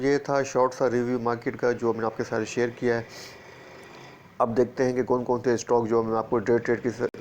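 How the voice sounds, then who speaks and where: Sharing his screen, a Pakistani man with a sore throat works through stock charts at a steady pace, restating price levels as an analyst. His medium-pitched voice has a darkish tone, and the audio is dull with a little hiss or hum.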